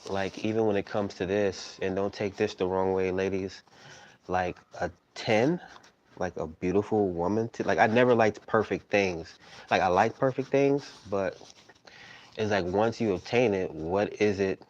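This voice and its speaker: A man's voice: sits low, unhurried, highs cut off. A man in his thirties hosting a tarot live stream, rambling casually and tagging his points with "right?". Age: 30s. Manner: rambling, tags sentences with "right?".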